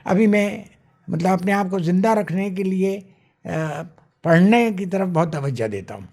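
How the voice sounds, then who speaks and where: A man in his nineties, a retired official and writer, speaks slowly and reflectively in an interview, with Urdu-flavored phrasing. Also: high-pitched, animated, a little mellow. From India. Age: 90s. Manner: slow, measured speech with Urdu phrasing, recites verse.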